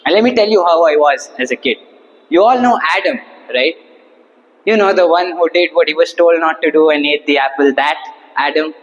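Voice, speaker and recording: This young man's voice sits on the high side as he performs a funny, rehearsed speech for a seated Toastmasters audience in an indoor hall. His delivery is rhetorical and theatrical, with deliberate pauses. The sound is lo-fi and echoes around the hall.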